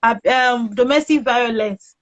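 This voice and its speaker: A woman's voice: on the high side, measured pace, lo-fi sound. A Nigerian woman hosting an interview, reacting with exclamations to her guest. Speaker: interviewer host.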